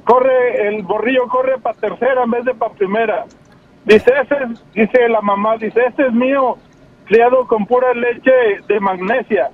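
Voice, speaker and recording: Hombre con filtro de voz por teléfono. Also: male voice, extremely high pitch. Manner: rambling storyteller, repeats words. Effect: voice-changing filter on the phone. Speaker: radio caller. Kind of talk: joking call-in chat. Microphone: phone. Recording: dull phone line with faint noise.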